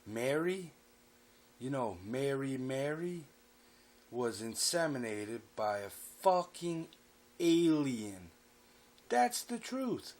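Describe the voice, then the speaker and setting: A man voicing his drunk, furious middle-aged father, ranting and swearing loudly. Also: mid-range voice, sing-song, takes it slowly, pauses often. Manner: shouting, profane.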